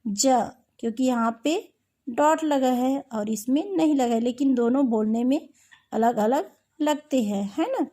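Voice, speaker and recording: High-voiced woman teaching slowly. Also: warm tone. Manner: patient, asks questions and answers them herself. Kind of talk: recorded class lesson.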